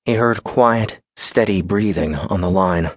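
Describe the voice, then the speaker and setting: Man reading an audiobook, measured even delivery, lowish voice, dry booth sound. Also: no echo. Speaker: audiobook narrator. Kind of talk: scripted narration.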